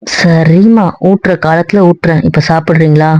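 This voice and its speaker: Coaxing wife in a comedy skit, mid voice; dry, dull recording. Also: female voice, deep voice, steady tone, moderate pace, darkish tone, dry recording. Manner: pleading, coaxing, repeats herself. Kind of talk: comic couple skit. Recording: dull lo-fi audio.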